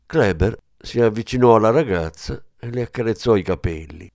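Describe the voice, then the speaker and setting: A man reading an audiobook in a steady storytelling manner. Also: on the low side, normal speed, no echo, studio quality. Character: weary man mourning his wife. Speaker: narrator.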